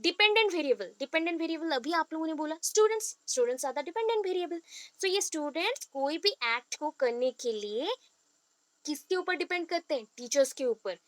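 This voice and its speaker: A woman's voice: high voice, expressive, moderate pace. A woman teacher giving an explanatory lecture, mixing Hindi and English and quizzing listeners with questions. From India.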